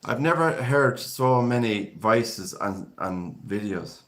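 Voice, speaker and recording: Irish guy from the west of ireland, lowish voice, casual rambly livestream chat, reads out comments. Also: animated, slow, fairly bright tone. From Galway, west of Ireland. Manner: rambling, conversational, addresses viewers by name. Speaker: live stream host. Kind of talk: casual chat, reading viewer comments aloud.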